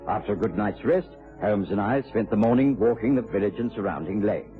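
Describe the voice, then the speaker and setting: An actor playing an amiable, articulate British gentleman doctor, acting and narrating in a period radio drama. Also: fairly low pitch, animated, close to an everyday voice. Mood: reminiscing. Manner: measured, articulate, genteel. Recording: tinny vintage radio broadcast, faint music.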